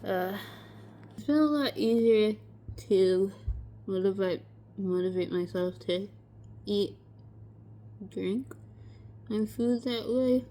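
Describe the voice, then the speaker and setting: A woman's voice: mid-range voice, takes it slowly, long pauses, mellow. A woman talking casually in a video diary with a stuffy nose and a stiff, swollen, barely opening jaw, sore after surgery. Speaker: vlogger recording a surgery recovery diary.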